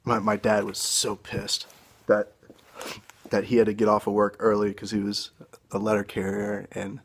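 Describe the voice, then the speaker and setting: A young man telling his own story as an earnest, halting and emotional personal testimony, recorded on a phone camera. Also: on the low side, completely flat delivery, slightly rough.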